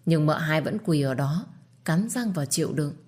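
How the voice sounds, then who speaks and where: Low-voiced woman telling a story. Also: animated, moderate pace, a little mellow, husky. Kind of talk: dramatic audio story narration.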